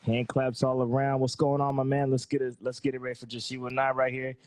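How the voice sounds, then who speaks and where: A podcast host talks with a guest in a casual interview, his medium-pitched voice completely flat and quick. There's slight background noise, and his slangy, laid-back lines tend to end with "man" or "bro."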